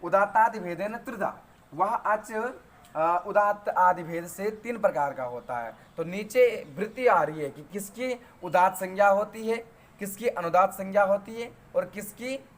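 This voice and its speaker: A man teaching Sanskrit grammar in a spoken lesson, patiently repeating terms and counting out vowels slowly. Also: sits high. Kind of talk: spoken lesson, explaining sutras.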